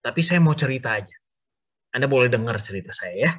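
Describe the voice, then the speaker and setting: A man's voice: mid-range voice, expressive, fast, a bit bright, breathy edge. A man giving a casual, chatty storytelling sermon to a youth group over an online call, addressing listeners directly. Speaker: youth service speaker. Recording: dull Zoom audio.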